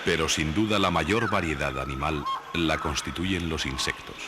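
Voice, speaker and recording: A man reading scripted nature documentary narration in a measured, didactic way. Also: rumbling low, heavy background noise. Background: background music.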